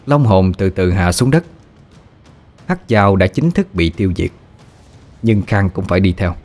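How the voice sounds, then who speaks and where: A man narrating a ghost story in a steady, dramatic way. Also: sits low, a little slow, soft background music.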